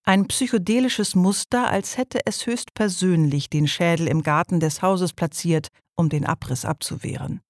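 A man reading a crime novel aloud as an audiobook narrator, in measured storytelling. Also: high voice, no echo, clean studio sound.

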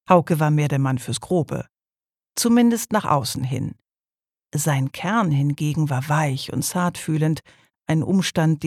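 A man reading a crime novel aloud as an audiobook narrator, in measured storytelling. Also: on the high side, no echo, studio quality.

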